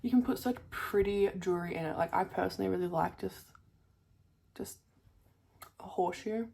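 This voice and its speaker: Young aussie woman vlogging, raspy fry in her voice, lots of "like" and "um", bit tongue-tied. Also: on the low side, steady tone, normal speed, darkish tone. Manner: chatty, swears casually, many fillers and "like". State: slightly impeded speech from a new tongue piercing. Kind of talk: casual chat to camera.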